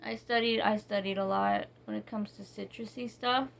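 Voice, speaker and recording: A woman casually reviewing bar soaps, reading ingredients slowly and rambling with many fillers and restarts. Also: mid-range voice, steady tone, gravelly. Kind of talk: casual product review chat.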